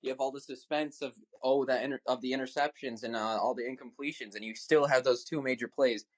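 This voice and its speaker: A man debating football, rushing and restarting his phrases often. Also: medium pitch, fairly even intonation. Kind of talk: debate argument.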